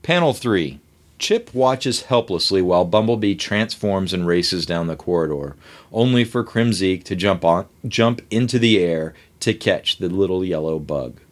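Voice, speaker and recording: A man hosting and narrating, reading the panel directions of a comic script aloud briskly. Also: deep voice, lively intonation. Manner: brisk, reads panel directions, laughs between lines. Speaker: host and narrator.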